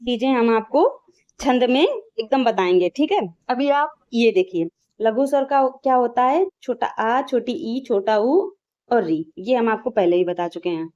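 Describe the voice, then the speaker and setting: Female tutor, a touch high and mellow, poses questions and answers them herself, lo-fi recording. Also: animated, normal speed. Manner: repeats "ठीक है" as a check-in, drills sounds aloud. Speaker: teacher. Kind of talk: exam-prep grammar lesson. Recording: slightly dull lo-fi audio.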